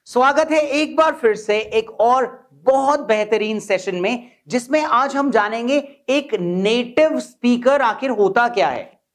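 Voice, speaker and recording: A man whose first language is Hindi, teaching English pronunciation in a video lesson explained in Hindi, repeating words slowly and deliberately for practice. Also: very high voice.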